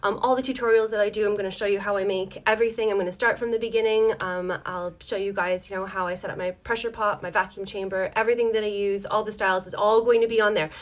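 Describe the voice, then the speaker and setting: Talking quickly with hardly any pauses, this woman runs a live dice-making tutorial from her desk at home. Her medium-pitched voice is steady, yet she rambles, apologizes, says um often, and is losing her voice.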